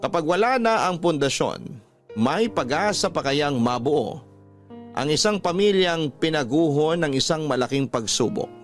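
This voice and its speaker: Expressive and a little high in pitch, a Filipino man narrates at a moderate pace as a radio drama host, reading a listener's letter in a scripted, dramatic storytelling manner. His voice is dry and studio-recorded, laid over background music.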